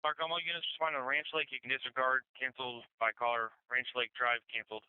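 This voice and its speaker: A man's voice: mid-range voice, little pitch movement, fast, smooth, no room sound. A man working as a fire dispatcher, giving clipped, formal read-backs in the manner of police radio. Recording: narrow phone-like radio channel.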